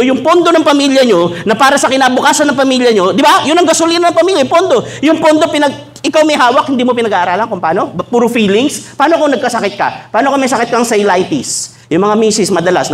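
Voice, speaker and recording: A man's voice: very high voice, lively intonation, quick pace. A man preaching a sermon to a church congregation, mixing jokes with teaching and acting out little dialogues in shifted voices. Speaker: pastor. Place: church hall.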